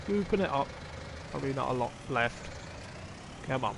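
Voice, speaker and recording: A man's voice: medium pitch, lively intonation, moderate pace, creaky, background noise. A man live-streaming a farming game, thinking aloud, chatting to viewers and swearing casually as he plays. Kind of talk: casual live-stream chat while playing.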